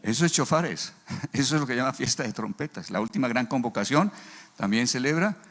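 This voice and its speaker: A middle-aged man, preaching a sermon and telling stories with lively quoted dialogue. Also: mid-range voice, brisk. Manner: animated storyteller, acts out dialogue. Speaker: pastor. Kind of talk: sermon with storytelling.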